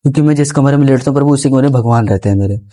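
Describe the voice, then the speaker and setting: Rapid-fire and mellow at a medium pitch, a young podcast guest tells a personal story casually and earnestly. He frequently addresses the host as guruji, rambling with restarts and repeated phrases.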